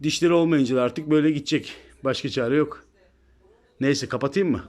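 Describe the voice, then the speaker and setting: A man's voice: fairly high pitch, brisk, darkish tone. A man chatting casually to viewers about his cat in a home video, filmed on a phone indoors. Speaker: pet vlogger.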